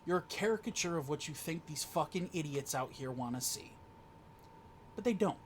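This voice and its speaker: A man's voice: on the high side, lively intonation, moderate pace, a little hiss or hum. A man cutting a heated wrestling promo, swearing and stammering as he argues. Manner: heated, profane, shouting and stammering. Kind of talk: in-ring promo argument.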